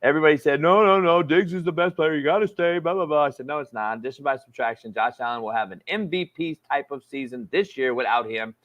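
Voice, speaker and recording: Talking fast with few pauses in a voice on the high side, a forties-aged co-host of a relaxed sports talk show teases his partner and repeats points for emphasis. The lo-fi sound is slightly dull.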